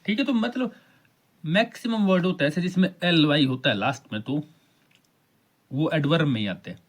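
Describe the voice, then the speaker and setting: Teacher asking himself questions, slightly high-voiced. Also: male voice, expressive. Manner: slows right down to read English sentences aloud; keeps asking questions and answering them himself. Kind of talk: explaining an exam paper.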